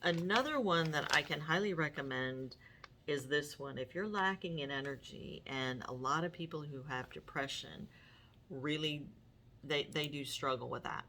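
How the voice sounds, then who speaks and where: A woman's voice: sits low, normal speed, fairly bright tone, a little hiss or hum. A middle-aged woman hosting her own vlog, talking casually to viewers with many fillers and restarts. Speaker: vlog host. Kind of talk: casual talk to camera.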